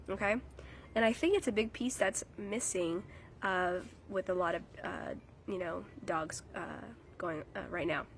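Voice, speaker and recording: Casting note: young woman, nasal and congested from a cold, earnest dog trainer chatting to camera, middle pitch, faint hiss behind. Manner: earnest, keeps checking in with "okay?" and "right?". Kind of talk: casual talk to camera.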